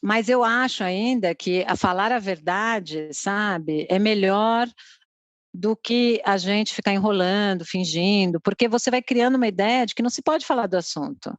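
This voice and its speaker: A woman's voice: medium pitch, moderate pace, no echo. A middle-aged woman, a sex therapist, chatting on a podcast and telling stories animatedly, acting out her son's lines. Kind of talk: casual podcast chat.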